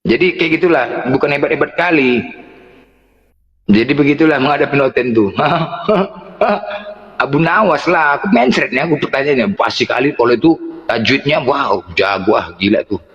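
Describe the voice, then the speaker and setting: A man preacher, telling a story in a casual, animated way, often chuckling. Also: medium pitch, normal speed, highs cut off.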